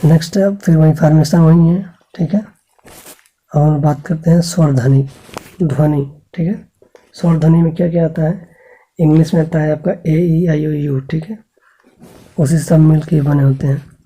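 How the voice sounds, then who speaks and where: This man speaks in a mellow, husky voice that's a little high, with a steady tone and moderate pace, though the audio is poor. He teaches English grammar to students, patiently spelling out sounds, checking in with them constantly, and asking questions only to answer them himself.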